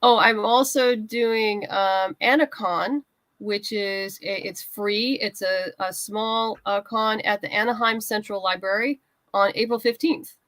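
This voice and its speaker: As a guest on an interview, a woman who writes and makes comics talks up her crowdfunding project in a relaxed way. She speaks at medium pitch, steady and unhurried, with a fairly bright tone and no room sound.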